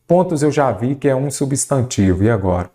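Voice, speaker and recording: A man's voice: medium pitch, sing-song, fairly quick, mellow. A man teaching a grammar lesson for exam prep, asking and answering his own questions and stretching out words. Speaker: Portuguese teacher.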